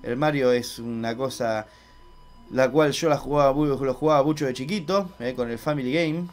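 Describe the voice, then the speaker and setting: A young man with an Argentine accent hosting a casual let's-play, chatty and excitable, swearing loudly when he fails. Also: medium pitch, normal speed, faint music behind. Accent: Argentine Spanish. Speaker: gaming channel host.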